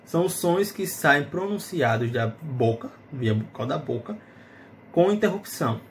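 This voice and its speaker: A man's voice: fairly high pitch, a little hiss or hum. A man teaching a phonetics lesson in Portuguese, explaining patiently and often checking in with his students. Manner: explanatory, checks in with tag questions.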